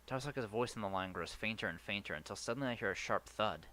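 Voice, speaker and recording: Hosting a let's play, a man reads a visual novel's first-person narration aloud in a fairly low voice at a fast clip. His delivery is earnest and lively with occasional stumbles, and faint game music plays behind him.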